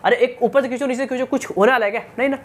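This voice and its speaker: A man's voice: extremely high pitch, steady tone, very fast, slight background noise. A male teacher giving a science lecture, who keeps asking his students questions, answering them himself and checking that they follow. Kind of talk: classroom-style science lecture.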